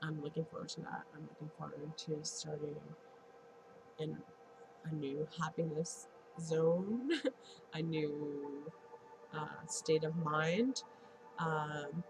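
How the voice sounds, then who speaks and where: Stuffy-nosed and in her late thirties, this Reiki practitioner and vlogger talks to viewers slowly in a low, creaky, fairly even voice with long pauses, earnest and encouraging and frequently laughing between ideas. Music plays in the background of the poor audio.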